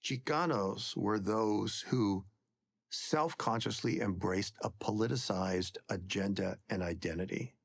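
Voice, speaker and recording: A man in an interview explaining history in a measured, lecturing way. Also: lowish voice, vocal fry.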